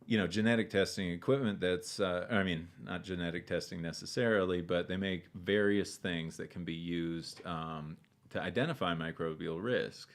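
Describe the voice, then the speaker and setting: A man with a very deep voice and a gravelly edge sits in as a podcast guest. He talks casually but explains things in detail, picking at technical points and filling pauses with "uh." He sounds loose and conversational rather than scripted. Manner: explanatory, pedantic, many "uh" fillers. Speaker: guest cannabis scientist.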